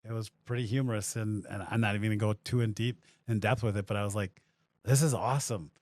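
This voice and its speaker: A man's voice: on the low side, flat delivery, quick pace, a little mellow, no room sound. A man hosting a podcast, chatting casually in a friendly, agreeable way with a bit of dry sarcasm. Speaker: podcast host. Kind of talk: casual chat.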